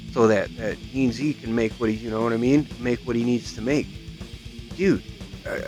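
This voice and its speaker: A man giving a casual, profane, rambling rant as a guitar vlogger, often tagging his sentences with "you know what I mean". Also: medium pitch.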